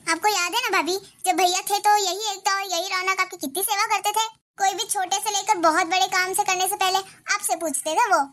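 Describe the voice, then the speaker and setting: A woman's voice: very high voice, fairly even intonation, fairly quick, few pauses, a bit bright. A woman voicing a sympathetic neighbor in a cartoon, speaking in a concerned, consoling way. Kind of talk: cartoon voice acting.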